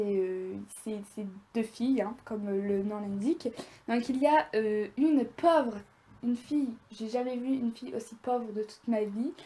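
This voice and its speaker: A woman's voice: on the high side, warm tone. A young woman talking casually to viewers in a review vlog, chatty and rambling as she goes. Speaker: video creator.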